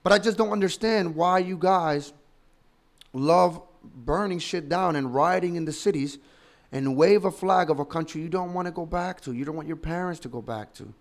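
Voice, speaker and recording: A man's voice: a little high, normal speed. A man in his thirties from the Dominican Republic, a political commentator giving opinionated, emphatic and argumentative commentary full of rhetorical questions. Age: 30s.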